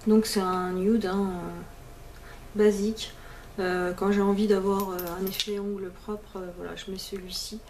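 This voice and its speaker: A woman's voice: mid-range voice, flat delivery, a little slow, a little mellow, slight background noise. A woman talking casually to camera about her nail polishes and books, chatty and full of fillers and restarts, now and then slipping in English words. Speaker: beauty vlogger.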